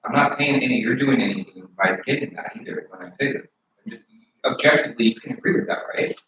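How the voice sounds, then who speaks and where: A man's voice: mid-range voice, fast talker, far from the mic. A man rambles earnestly through a casual argument, often restarting his sentences. He sits well back from the mic in a very echoey room, and the sound is dull with faint noise underneath.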